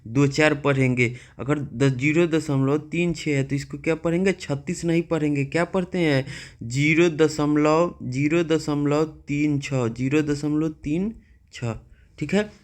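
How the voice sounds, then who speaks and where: His voice sits a little high, and he never hurries as he teaches math. The male teacher works through the lesson patiently, asking questions and regularly checking in with "okay".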